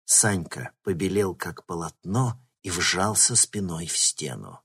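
Male audiobook narrator: husky, low, very expressive. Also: measured pace. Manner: lively expressive reading. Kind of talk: scripted narration.

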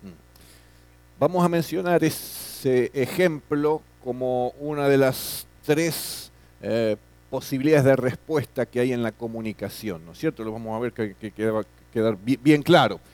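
A man's voice: mid-range voice, measured pace, a little mellow, no echo. A middle-aged man teaching a classroom lecture, often tagging his sentences with questions and repeating words.

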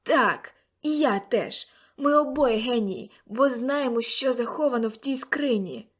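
A woman reading an eager, excitable old grandfather in an audiobook, bursting into loud exclamations. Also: on the high side, a little slow, slightly rough. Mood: excited.

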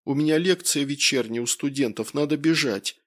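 A man's voice: a little high, moderate pace, lightly acted. A man voicing a confident biochemist politely excusing himself to leave, in an audiobook. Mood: brisk. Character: self-assured male biochemist lecturer.

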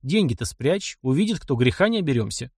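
A man's voice: medium pitch, sing-song, brisk, slightly rough, dry recording, clean studio sound. A man voicing a blunt, earnest young male engineer who speaks plainly and directly.

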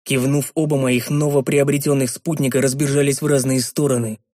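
A man reading a story aloud as audiobook narration, measured and even. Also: mid-range voice, no room sound, studio quality. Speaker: audiobook reader. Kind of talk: scripted narration.

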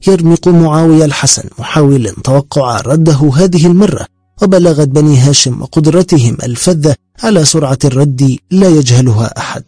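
Man with a mellow voice narrating formally. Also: fairly high pitch, dry recording. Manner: measured, formal literary reading. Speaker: audiobook narrator. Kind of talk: scripted narration.

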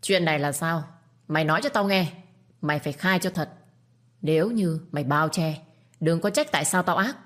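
A woman's voice: low-pitched, moderate pace, lightly acted. A woman playing a harsh, domineering old matriarch. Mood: threatening. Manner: menacing, commanding, later placating. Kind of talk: storytelling with acted dialogue.

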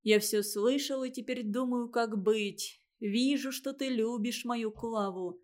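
A woman's voice: fairly high pitch, takes it slowly, darkish tone. A woman voicing a firm, kind older army colonel. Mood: resolute. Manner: firm decisive.

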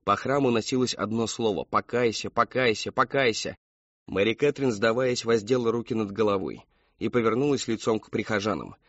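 A man reading an audiobook in measured scripted narration. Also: on the low side, dry recording. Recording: dull dry studio read.

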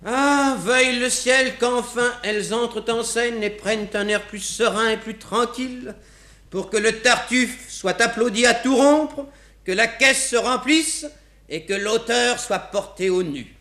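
A woman's voice: fairly high pitch, measured pace, a bit bright. An actress playing an outspoken, knowing servant woman in a classic French stage comedy, in a theatrical manner. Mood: imploring. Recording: echoey room.

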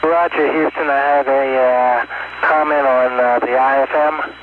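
A man, an astronaut, reporting to mission control in halting, procedural radio calls heard over a crackly space-to-ground radio link. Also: mid-range voice, fairly even intonation. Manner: halting, many "uh" pauses, procedural. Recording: narrow crackly radio with static.

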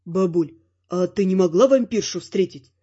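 A grumbling, reproachful young grandson in a fantasy audiobook, as a woman narrator puts him on lower than her own voice. The tone is soft, mellow and slightly husky, and the recording sounds a little dull and lo-fi. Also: normal speed. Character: grumbling young adult grandson, teasing and exasperated.

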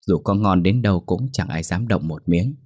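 Male horror-story reader, very low and husky, dry close recording. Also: normal speed, a little mellow, no room sound. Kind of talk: scripted horror story narration.

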